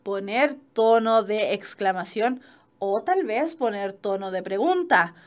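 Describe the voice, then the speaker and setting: A woman's voice: medium pitch, lively intonation, slow pace. A young adult woman teacher with a Chilean accent, lecturing in an online class and often checking in with "¿cierto?". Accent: Chilean Spanish. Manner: explanatory, frequent "¿cierto?" checks.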